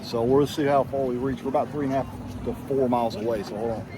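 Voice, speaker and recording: Here the vlogger talks fast in a mid-range voice with fairly even intonation, keeping his laid-back, folksy narration going. He's outside on walkways, a boat and an island, and the recording picks up music and a crowd behind him.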